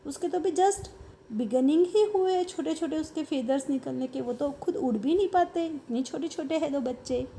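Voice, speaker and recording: A woman's voice: sits high, mellow, a little hiss or hum. A woman teacher reads a children's story aloud line by line and explains each line in Hindi, asking the children questions. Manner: reads English lines slowly, then explains in Hindi; asks children questions, patient and encouraging.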